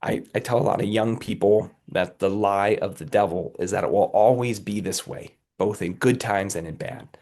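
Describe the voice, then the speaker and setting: A man with a cold speaks as an interview guest, his voice low and gravelly with a raspy edge. He talks earnestly and motivationally, repeatedly checking in with the listener. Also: normal speed, few pauses, darkish tone. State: has a cold, under the weather. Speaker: guest, company executive.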